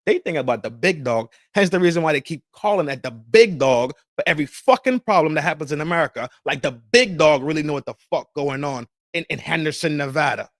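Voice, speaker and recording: This podcast host's voice is a little high, recorded dry at studio quality. His casual opinion rant on politics is profane, emphatic and repetitive, packed with street slang.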